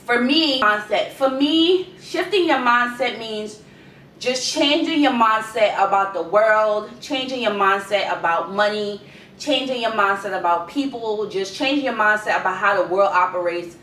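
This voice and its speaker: A woman's voice: measured pace, a bit bright. A young adult woman with a Guyanese accent giving informal life advice in a conversational way, repeating key words for emphasis. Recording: echoey room, distant mic, rumbling noise.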